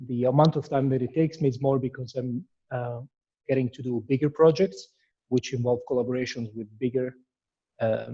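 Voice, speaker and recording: A man's voice: medium pitch, mellow, lo-fi sound. A man from Iraq, a sculptor, giving thoughtful, searching answers in an interview with many restarts.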